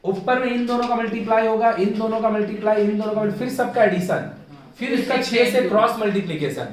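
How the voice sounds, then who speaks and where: High-voiced male tutor in an echoey classroom. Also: quick pace, recorded from a distance. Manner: coaxing, repeats and asks students questions. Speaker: math tutor. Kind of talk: classroom math lesson. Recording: echoey room, voice from off mic.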